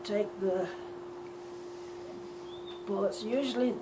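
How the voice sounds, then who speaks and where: An elderly woman tells a story from memory at a slow pace, halting and circling back as she searches for words. Her voice sits at an average pitch, and the amateur home recording has loud noise behind it. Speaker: grandmother telling life stories. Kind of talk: elder telling story, informal reminiscence.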